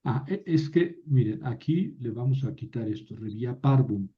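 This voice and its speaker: A man's voice: mid-range voice, expressive, moderate pace, narrow, tinny audio. A man teaching a patient, step-by-step lesson, with many fillers and restarted words. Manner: stumbles and restarts words mid-sentence. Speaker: Biblical Hebrew teacher. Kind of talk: recorded online lesson.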